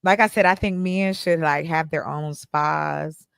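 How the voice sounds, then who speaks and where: A woman hosting a casual group chat in a playful, teasing, animated manner. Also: sits low, unhurried, vocal fry, smooth, dry recording, clean studio sound. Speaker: host.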